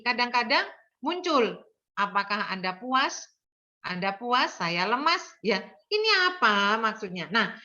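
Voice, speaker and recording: A woman's voice: on the high side, sharp tone, lo-fi sound. An older woman, a nursing lecturer, giving an earnest lecture full of anecdotes and often checking in with her listeners. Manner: earnest, tags sentences with "ya".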